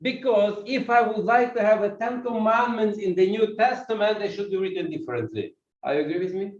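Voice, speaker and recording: A guest pastor from Ukraine, speaking with a Ukrainian accent, preaches a sermon in a church hall in a high, fairly quick male voice. He walks as he preaches and puts questions to the congregation. The recording is dull and echoey, captured from far off in the church.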